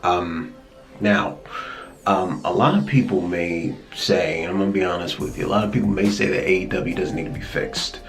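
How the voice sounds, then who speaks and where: A man with a lowish voice hosts his own wrestling talk show, excitable and a bit scattered, tripping over repeated words as he gets going. Faint music sits behind him in the recording. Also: normal speed. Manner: energetic, excitable, repeats words when fired up. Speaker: host. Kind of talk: casual wrestling commentary.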